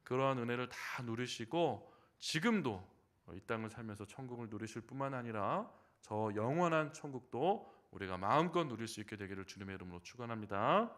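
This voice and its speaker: Animated Korean pastor preaching a sermon. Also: male voice, fairly quick. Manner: animated, rhetorical questions, swings from loud emphasis to soft low asides; humorous storytelling. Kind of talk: Wednesday evening sermon. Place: church sanctuary.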